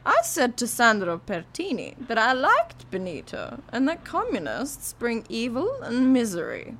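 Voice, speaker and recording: A woman's voice: on the high side, wildly swooping pitch, a little slow, creaky, fairly bright tone, exaggerated voice. A woman reading the part of a snobbish, proud, senile old woman in an audiobook, with a scornful, boastful manner. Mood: haughty, scornful.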